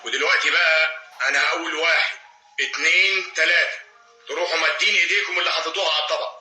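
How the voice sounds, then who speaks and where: A clever Egyptian man who lays out his trick. He talks very fast in a bright, high voice. The old film audio is echoey, with music. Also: fairly even intonation. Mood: explaining. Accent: Egyptian Arabic. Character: clever man who set the thief trap.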